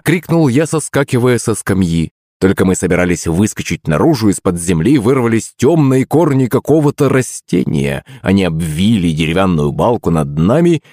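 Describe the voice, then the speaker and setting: A man's voice: fairly low pitch, mellow, no room sound, clean studio sound. A man narrating a first-person audiobook. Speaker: audiobook reader.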